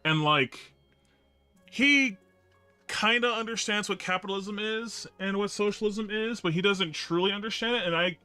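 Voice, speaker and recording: A man's voice: high voice, moderate pace, sharp tone, smooth, faint music behind. A man streaming a video game, talking to chat in a rambling, casual way with many fillers and some swearing. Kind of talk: casual gaming stream commentary.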